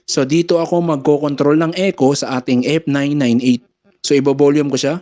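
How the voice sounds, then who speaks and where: A man's voice: on the high side, fairly even intonation, moderate pace, mellow. Man explaining mixer settings. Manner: explains step by step, says mic-check phrases between adjustments. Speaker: audio gear seller and tutorial host. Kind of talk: casual how-to demonstration. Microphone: condenser microphone through a mixer.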